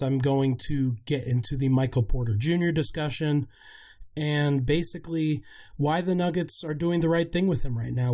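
A man hosting a sports podcast with commentary, his voice gravelly, hoarse and worn out from being sick. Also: mid-range voice, dark tone. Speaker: podcast host.

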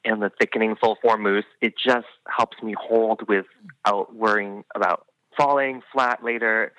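A man's voice: fairly low pitch, fairly even intonation, a little slow, fairly bright tone, no echo, poor audio. A man who works as a hairstylist, chatting enthusiastically as a podcast guest, full of "I mean" and "you know". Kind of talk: casual podcast interview chat.

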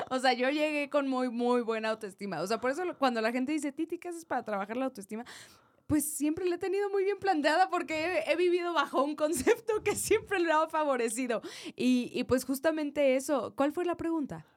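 A young Mexican woman with a Mexican accent, co-hosting a casual chat, animated and laughing often. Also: high voice, moderate pace. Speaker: podcast co-host.

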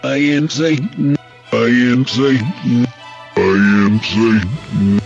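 A man's recorded speech played backwards, with slow, slurred, drawn-out syllables. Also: medium pitch, fairly even intonation, vocal fry, husky. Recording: muffled lo-fi clip over music.

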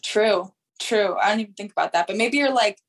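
A woman's voice: medium pitch, fairly quick, rough recording. Giggly woman podcast caller. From US Midwest. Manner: giggly, with frequent "like" fillers. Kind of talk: casual chat.

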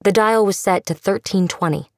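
A woman's voice: mid-range voice, normal speed. A woman reading a scripted, dramatic fiction narration as an audiobook narrator.

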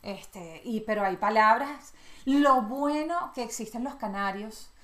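Venezuelan woman guest, bright and a bit high, animated storyteller, roomy echo. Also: unhurried. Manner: lively storyteller who acts out quoted lines. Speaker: guest journalist. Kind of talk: casual interview chat.

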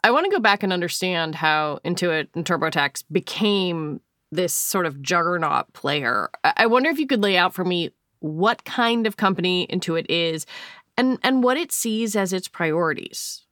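A woman's voice: lowish voice, expressive, normal speed, fairly bright tone, no echo, clean studio sound. A woman with an American accent presenting a podcast as host, in scripted narration.

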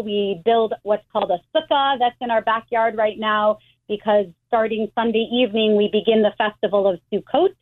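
A middle-aged American woman, a rabbi, explaining things in a measured way with frequent restarts over the phone. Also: fairly high pitch. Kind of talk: phone interview. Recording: tinny phone line.

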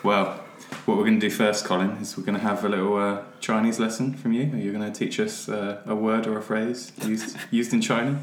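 Deep-voiced man, joking host. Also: flat delivery. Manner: joking, crude, quick to laugh. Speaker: podcast co-host. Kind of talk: casual chat. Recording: roomy echo.

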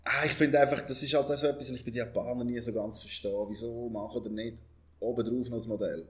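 A man's voice: medium pitch, steady tone, fast talker. A man chatting casually as a car reviewer, blunt and swearing freely.

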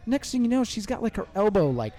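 A man's voice: high voice, big pitch swings, quick pace, mellow. A man in his thirties telling a profane story in casual podcast chat, laughing as he goes, recorded in a bar. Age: 30s. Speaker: podcast co-host. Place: bar or restaurant.

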